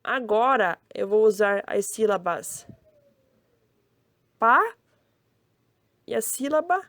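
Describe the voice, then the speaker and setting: Slow, cheerful Brazilian woman teaching kids. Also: medium pitch, animated. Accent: Brazilian Portuguese. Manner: cheerful, sing-song, addressing kids directly. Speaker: children's teacher. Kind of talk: slow, syllable-by-syllable children's lesson.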